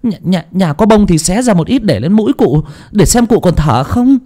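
A man's voice: high voice, sing-song, moderate pace, warm tone, pitched above the performer's own voice. Man doing a stammering, panicky villager. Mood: urgent, flustered. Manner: stammering, urgent. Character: flustered villager, hurried and stammering.

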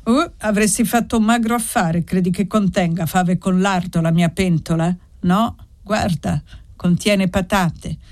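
A wary old countrywoman in a storybook reading, evasive and dryly ironic, given voice by a woman reader in a low register. She hushes and pleads. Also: steady tone, a little slow, no room sound, studio quality, lightly acted. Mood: anxious.

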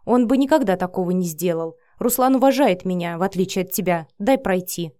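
A woman's voice: on the low side, expressive, a little fast, dry recording, clean studio sound, lightly acted. A woman reading an audiobook, voicing a hot-tempered young woman who hisses and snaps. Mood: bitter. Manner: hissing, snapping, shouting. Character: young woman, fiery, quick to anger. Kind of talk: audiobook character voice.

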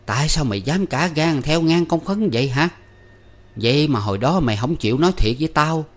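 A male storyteller takes on the voice of a middle-aged village mother, high-pitched, loud and animated. She nags and scolds in quick, sharp bursts, and the whole thing sounds like a storybook reading.

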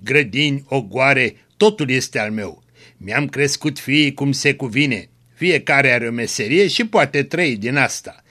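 Guy doing a gruff old miller, stern and bossy, bright tone, read-aloud story. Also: medium pitch. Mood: proud. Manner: stern, scolding.

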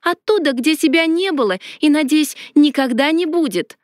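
A sharp-tongued young witch from a storybook, acted by a woman narrator. She snaps back quarrelsomely and defiantly, with a raised, high pitch. The sound is close and dry. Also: very animated, unhurried, no echo. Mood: snapping. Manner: snappy and quarrelsome.

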